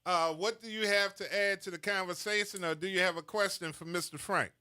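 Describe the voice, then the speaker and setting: A smooth radio host, a man, taking calls on air. His voice sits high and bright with a clean, polished tone. He is easygoing and slows down to spell things out. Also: fairly even intonation. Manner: easygoing, repeats himself and spells things out slowly. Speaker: radio talk show host.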